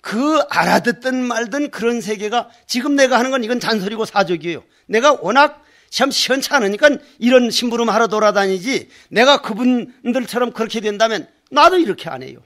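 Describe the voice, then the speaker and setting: A man's voice: very high-pitched, animated, brisk, fairly bright tone. An older male Buddhist monk giving a dharma talk, telling folksy stories, acting out dialogue and repeating words for emphasis. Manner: folksy storytelling, acts out dialect voices, emphatic repetition. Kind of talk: sermon.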